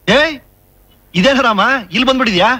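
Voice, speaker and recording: Exasperated scolding boss. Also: male voice, very high voice, lively intonation, brisk, pushed and bright, no echo, exaggerated voice. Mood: puzzled. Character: exasperated man scolding a bumbling helper. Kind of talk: film comedy acting. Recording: film soundtrack with faint music.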